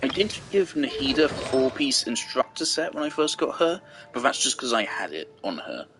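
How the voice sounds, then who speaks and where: A game streamer with a mid-range, fairly bright voice offers very animated gameplay commentary at a normal speed, thinking aloud and rambling as he plays. There's slight background noise.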